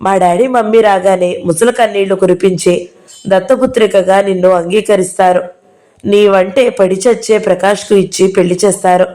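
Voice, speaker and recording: A woman's voice: medium pitch, steady tone, moderate pace, mellow, natural voice. A woman voicing a bitter, furious young woman who talks in a scornful, defiant way in an audio novel.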